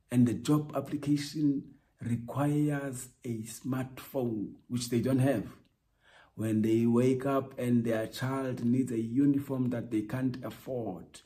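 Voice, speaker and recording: A man hosting a podcast, delivering a reflective spoken essay in a measured, emphatic way with repeated rhetorical lines. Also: mid-range voice, dark tone. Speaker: podcast host.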